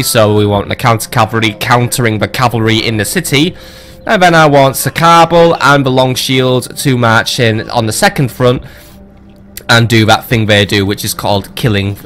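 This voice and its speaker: A man's voice: mid-range voice, fairly bright tone. A man casually commentating on his strategy game as a let's play host, rambling with joking, swearing asides.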